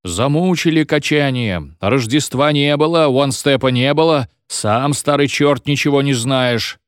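A man's voice: medium pitch, unhurried, clean tone, no echo, studio quality, pitched above the performer's own voice, lightly acted. A man voicing a whiny, defiant young student ranting at his teacher. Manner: whining, then defiantly ranting. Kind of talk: audiobook reading.

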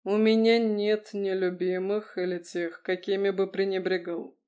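A woman voicing a calm, dry-witted male vampire doctor who speaks in an even, measured tone. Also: medium pitch, lightly acted.

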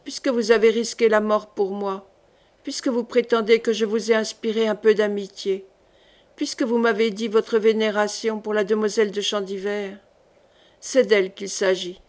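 A woman's voice: mid-range voice, level tone, normal speed, darkish tone, close to an everyday voice. A woman reading the part of a young male knight in an audiobook, earnest and tense.

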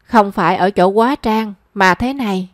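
A woman's voice: medium pitch, moderate pace, no room sound, studio quality, lightly acted. A woman voicing a shy, flustered young woman in a story.

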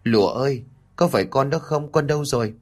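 A man's voice: medium pitch, brisk, voice pushed up, close to an everyday voice. A man voicing a grieving old mother who pleads, choked with sobs, for her dead daughter. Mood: grief-stricken.

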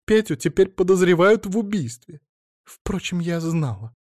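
A fretful, jittery middle-aged woman, as a male narrator puts her on, her voice climbing high and loud whenever she gets worked up. She sounds shrill and anxious, like a gossip in an audiobook, recorded dry and close. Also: animated, normal speed, no echo. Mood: agitated. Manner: shrill, agitated.

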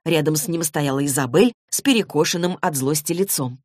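A woman narrates an audiobook in a measured, even manner. Her voice sits on the low side. The studio sound is dry and close. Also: no echo. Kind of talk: scripted narration.

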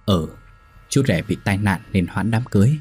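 A man doing a calm, terse husband. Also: lowish voice, moderate pace, breathy edge. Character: calm, reassuring middle-aged husband.

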